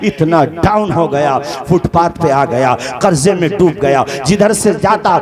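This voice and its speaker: Male preacher at a big gathering; emotional sermon, booming then hushed, slightly high pitch, live crowd around. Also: unhurried. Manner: swings between loud fervent calls and hushed low passages. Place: large religious gathering.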